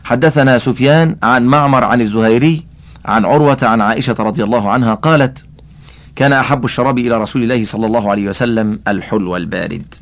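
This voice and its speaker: A man's voice: medium pitch, fast talker. A man reading a classical religious text aloud as an audiobook, adding commentary and carefully spelling out how names are voweled. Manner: addresses the listener directly. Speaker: audiobook reader.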